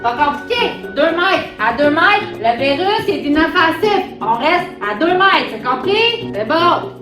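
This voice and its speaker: A woman with a Québécois accent lays down the rules in a high, bossy, singsong voice. She sounds distant in an echoey room, with music playing behind. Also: sing-song, measured pace. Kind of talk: comic sketch about classroom rules.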